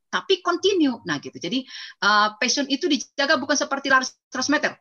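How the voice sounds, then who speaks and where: A middle-aged woman delivers a lively sermon to young adults. She acts out the people she quotes and adds sound effects. Her voice is bright and forceful, heard through a dull, lo-fi recording. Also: high voice, a little fast. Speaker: preacher.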